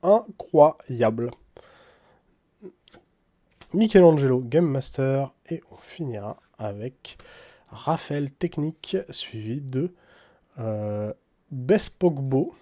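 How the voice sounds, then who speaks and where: Slow, mellow-voiced man reading card names. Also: medium pitch, expressive. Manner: reads card names aloud, wry asides; stumbles over English card names in a French accent. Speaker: card-opening YouTuber. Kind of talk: casual card-opening commentary.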